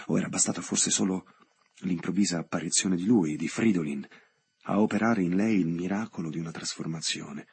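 A man narrates a literary novel in a measured, dramatic reading with long pauses. His voice sits low and sounds deeply husky and breathy. Each phrase is set apart, as in an audiobook. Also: darkish tone. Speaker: audiobook reader.

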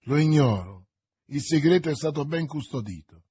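A vengeful, scheming noblewoman, put on by a male reader, pressing her demands in a raised, loud, insistent voice. The tone is husky, and the audiobook recording is close and dry. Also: a little high, expressive, normal speed, dry recording, voice pushed up. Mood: vehement. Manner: insistent, vehement, raised intense delivery. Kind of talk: audiobook character reading.

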